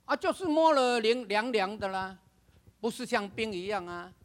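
An older pastor preaches at a normal pace in a high-sitting voice with lively intonation. He performs dramatically, acting out other people's voices and laughing and shouting to stress his points.

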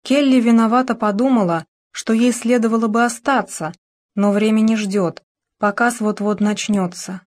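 A woman's voice: fairly high pitch, fairly even intonation, moderate pace, a little mellow. Woman narrating an audiobook thriller.

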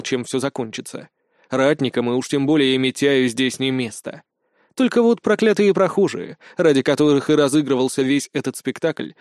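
A man's voice: medium pitch, a little mellow, no room sound, studio quality. Man reading a fantasy audiobook. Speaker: audiobook narrator. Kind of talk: scripted first-person fantasy narration.

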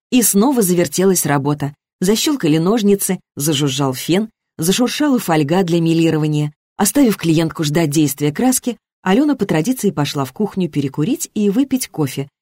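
Woman reading an audiobook, even and measured, lowish voice, dry close sound. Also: no room sound. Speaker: audiobook reader. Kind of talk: scripted narration.

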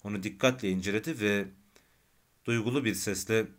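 A man narrates a novel in a calm, measured way. His voice sits low and steady, suited to a long audiobook reading. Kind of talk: scripted narration.

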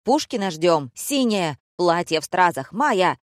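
A woman voicing a loud, rude, bossy male theatre director who shouts mocking, theatrical insults in an audiobook. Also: on the low side, sing-song, unhurried, dry recording, studio quality. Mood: barking, mocking. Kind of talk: audiobook character voice.

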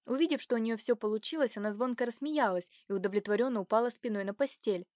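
A woman narrating a historical romance novel in an even, measured reading voice. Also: a little high, no room sound. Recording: dry close recording.

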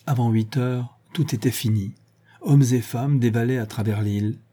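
Male narrator, warm dark tone, slightly husky, literary audiobook. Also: mid-range voice, moderate pace.

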